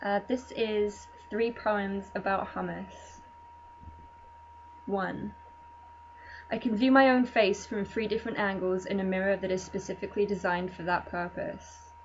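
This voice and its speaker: A woman in a spoken word poetry reading, her lines measured and deadpan, set in a middle register. The recording is dull and lo-fi, with a low hum sitting faintly underneath. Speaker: poet.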